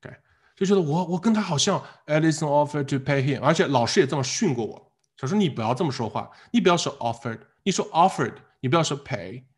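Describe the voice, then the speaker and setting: A man teaching an English exam class in a live online lecture, speaking with an animated manner, asking the class questions and repeating words as drills. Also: fairly high pitch, slightly rough.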